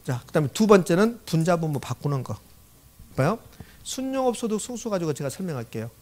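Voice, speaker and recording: A man giving an exam-prep lecture, reading formulas slowly, repeating them and often checking whether students follow. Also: on the high side, very animated, darkish tone. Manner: frequent check-in questions to the class. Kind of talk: classroom lecture.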